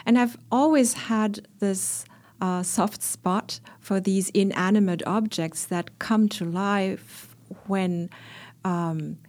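A woman's voice: mid-range voice, slow pace, darkish tone. A woman guest answering interview questions, hesitant, with many fillers. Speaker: guest, puppetry instructor.

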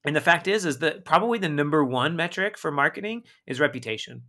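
A man's voice: a little high, fast. A man being interviewed on a podcast, talking emphatically and often ending points with "right?". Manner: energetic, emphatic, frequent "right?" tag questions. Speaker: guest marketing expert.

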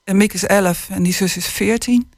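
A woman author, a guest on a radio show, speaking in a measured, somewhat hesitant way and reading from her book. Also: medium pitch, dry recording, clean studio sound. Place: radio studio. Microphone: studio microphone.

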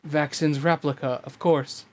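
A man's voice: fairly high pitch, fairly even intonation, measured pace, a little mellow, a little hiss or hum, lightly acted. A man playing a cold, scheming young man who taunts his enemy in an audiobook reading. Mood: brooding. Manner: sneering, taunting.

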